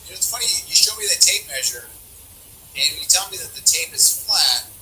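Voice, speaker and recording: Lively-pitched man over clear noise. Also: brisk. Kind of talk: casual chat about tools. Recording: noisy background.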